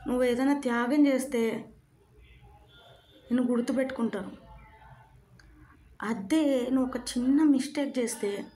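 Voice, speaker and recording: A woman's voice: fairly high pitch, moderate pace, pauses often, mellow. A woman giving an earnest motivational talk to camera, asking her listeners rhetorical questions and mixing in English phrases. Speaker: motivational speaker.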